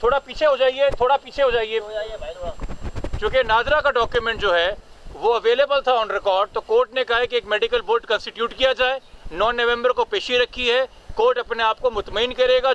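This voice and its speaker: A man giving a forceful, argumentative statement to the press outside court, full of rhetorical questions. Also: extremely high pitch, dull audio. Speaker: lawyer for the girl's family.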